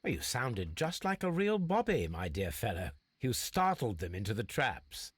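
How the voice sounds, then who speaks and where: An actor playing a self-assured, calculating gentleman detective in a video game, speaking formally and precisely. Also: medium pitch, big pitch swings, normal speed, slightly rough, no echo.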